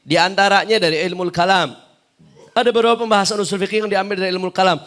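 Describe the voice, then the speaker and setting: Animated preacher man, bright voice. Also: fast. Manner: animated, swinging from loud emphatic peaks to low muttered lists. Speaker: Islamic preacher and teacher. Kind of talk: religious lecture.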